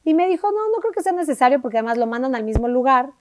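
Animated Mexican woman telling a story. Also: high voice, racing, no echo. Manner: animated, acts out quoted dialogue with shifting voices. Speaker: interview guest. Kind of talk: conversational storytelling.

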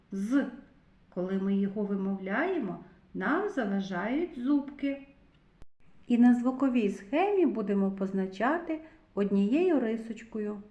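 A woman teaching a literacy lesson to preschool children, speaking slowly and tenderly to the little ones. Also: on the high side, darkish tone, roomy sound, highs cut off. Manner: slow, sing-song, addresses children tenderly. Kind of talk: scripted lesson for young children.

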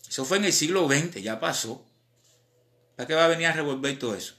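A Cuban man talks loosely to his viewers on a live stream, full of street slang. His voice is bright and sits a little high. He swings between loud and soft as he talks. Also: animated, brisk. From Cuba. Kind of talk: casual live-stream talk.

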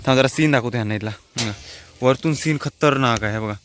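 Heavy background noise surrounds this brisk, mid-range male voice. He's a vlogger from Konkan, India, speaking Konkani-inflected Marathi into a handheld phone as he walks a hilltop by a water tank, casually explaining local words.

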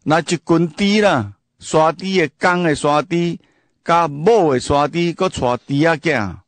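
A man who grew up speaking Hakka hosts a casual storytelling monologue, speaking emphatically and unhurriedly in a voice on the high side. He fires many rhetorical questions at the listener and repeats and restarts his phrases, in a dry recording.

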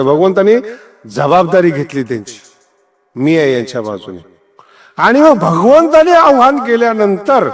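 A fairly high-voiced male preacher delivers a devotional discourse, slipping into storytelling and playing out little exchanges of dialogue. His delivery swings up and down and breaks into chuckles. His voice rings with a long reverb, as if he is speaking in a big hall. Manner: animated, acts out dialogue, swings pitch widely, chuckles. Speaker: kirtan preacher.

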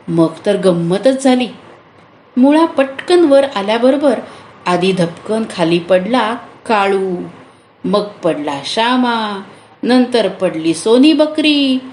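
Slow, expressive woman storyteller. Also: medium pitch, slight background noise. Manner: slow, expressive and sing-song. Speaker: children's storyteller. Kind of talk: storytelling for children. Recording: roomy echo.

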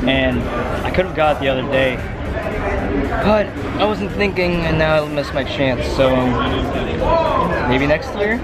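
A young man chatting casually to camera in a laid-back, rambling way, as a vlogger. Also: on the high side. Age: young adult. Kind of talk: casual vlog chat to camera. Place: busy convention center concourse. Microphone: camera at arm's length. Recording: loud music and crowd din behind.

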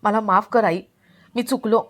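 A woman's voice: mid-range voice, fairly even intonation, a little slow, a bit bright, natural voice. A woman voicing an earnest young man who pleads with his mother.

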